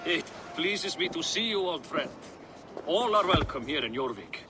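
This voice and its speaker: An actor playing a cautious, burdened old Norse warrior in a dramatic video game. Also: male voice, on the high side, sing-song, moderate pace, over music. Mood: welcoming.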